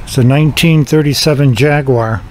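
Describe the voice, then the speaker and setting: A man's voice: mid-range voice, normal speed, darkish tone, a little hiss or hum, poor audio. A man casually narrating as he films his walk through an indoor flea market, making wry remarks. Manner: chatty, wry remarks while filming. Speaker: vlogger touring a flea market.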